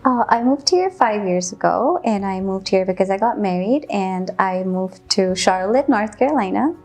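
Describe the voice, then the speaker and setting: A woman's voice: mid-range voice, expressive, normal speed, a little mellow, soft background music. A Pakistani woman in her twenties talking as an interview guest, chatty, laughing often and switching between English and Urdu. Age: 20s. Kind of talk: conversational interview.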